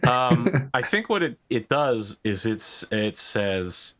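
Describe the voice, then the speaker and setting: A man's voice: mid-range voice, very animated, takes it slowly, fairly bright tone. A man narrating as game master in a tabletop role-playing game, explaining things conversationally.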